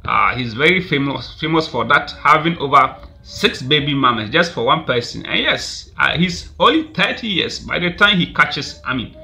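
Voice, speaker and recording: Sitting at a desk webcam in a small room, a Ghanaian man in his 30s vlogs loose celebrity gossip commentary, laughing frequently and leaning on "I mean" fillers. His high-leaning, animated voice is pushed and bright, with vocal fry, moderate pace and few pauses.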